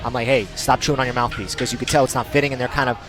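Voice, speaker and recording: A man's voice: mid-range voice, level tone, rapid-fire. A man giving conversational color commentary and analysis on a live fight. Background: music.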